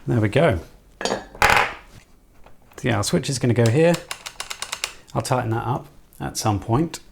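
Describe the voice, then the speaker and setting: Against a noisy background, a man with a medium-pitched, creaky voice talks in an animated but unhurried way. An electronics hobbyist presenter, he gives casual hands-on commentary on his build, half talking to himself.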